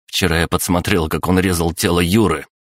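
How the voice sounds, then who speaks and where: A man's voice: low-pitched, fairly even intonation, brisk, dry recording. Guy doing a grave nervy young man, slightly raised voice, dry.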